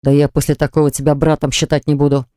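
An audiobook narrator voicing a jealous, hot-tempered man who snarls and hisses his lines low. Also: level tone, quick pace, mellow, dry recording, clean studio sound, natural voice. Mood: snarling.

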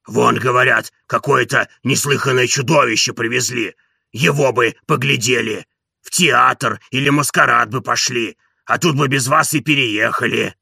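A man's voice: medium pitch, moderate pace, gravelly, bright, forceful tone, slightly rough, no room sound, studio quality, heavily acted. A man reading an audiobook and voicing a timid, grumbling old male servant who mumbles and pleads.

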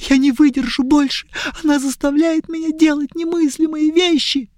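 A man voicing a highborn young male elf prisoner who pleads plaintively, close to tears. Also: steady tone, moderate pace, darkish tone, no room sound. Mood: pleading. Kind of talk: audiobook character voice.

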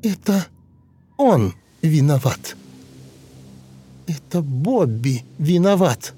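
A man voicing a grown woman regressed to a shrill, sobbing ten-year-old girl in a dramatic audiobook reading. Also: expressive, a little slow, dark tone, exaggerated voice. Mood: cold, vengeful. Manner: high shrill childish wailing, pleading and vengeful.

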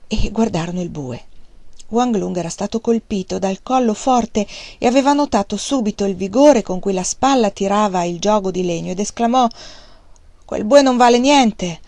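A woman reading a novel aloud in an expressive, dramatic audiobook style. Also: mid-range voice, brisk, no room sound. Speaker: audiobook reader.

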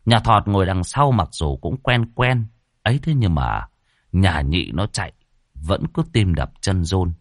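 A man narrating a comic ghost story in an expressive way. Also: low-pitched, a little slow, no room sound, clean studio sound.

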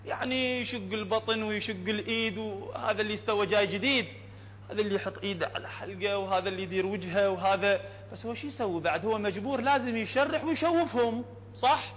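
High-voiced Iraqi man teaching in a hall. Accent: Iraqi Arabic. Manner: explanatory, checks understanding often, demonstrates sounds slowly. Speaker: Quran recitation teacher. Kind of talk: classroom lesson on tajweed. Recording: dull lo-fi recording with long hall reverb and faint hum.

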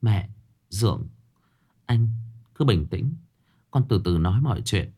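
A man voicing an injured young woman who speaks softly and calmly. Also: lowish voice, unhurried.

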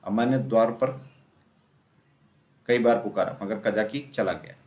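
A man narrating a classic children's story aloud in a steady storytelling manner. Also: fairly low pitch, unhurried. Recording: roomy echo.

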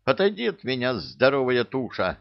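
A man voicing a small, jumpy young soldier who whines and yelps, pitched high. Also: very animated, normal speed, vocal fry, lo-fi sound. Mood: panicky. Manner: whiny, yelping.

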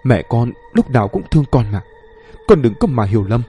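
A man voicing a tearful old grandmother in her seventies or older, pleading and gentle. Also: mid-range voice, sing-song, a little fast, slightly rough, soft background music.

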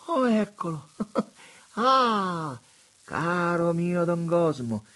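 A man voicing an effusive, soft-mannered elderly bishop who gushes in high exclamations. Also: expressive, extremely slow, full character voice. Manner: gushing, exclamatory, shrill.

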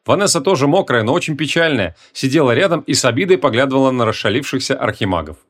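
A man reading a comic fantasy audiobook in a brisk, wry narrating manner. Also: mid-range voice, lively intonation, a bit bright. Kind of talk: scripted narration.

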